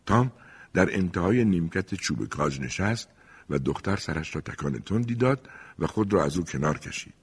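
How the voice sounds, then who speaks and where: A man narrating a classic novel as an audiobook, in an expressive storytelling manner. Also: sits low, slightly rough. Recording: long reverb.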